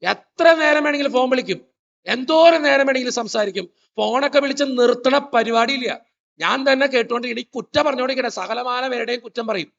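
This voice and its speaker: A man's voice: very high voice, a little fast, vocal fry, fairly bright tone, muffled recording. A man, a priest giving a humorous motivational talk in church, telling family stories and quizzing the audience. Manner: storytelling, joking, quizzing the audience. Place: church hall.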